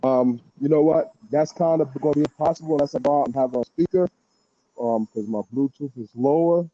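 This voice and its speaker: Stream caller, male, muffled as if through a wall over a dull, low Bluetooth mic, halting and casual. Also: mellow. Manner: halting, full of fillers. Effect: muffled and low, as if heard through a wall. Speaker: caller on a live stream panel. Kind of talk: casual chat. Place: outdoors.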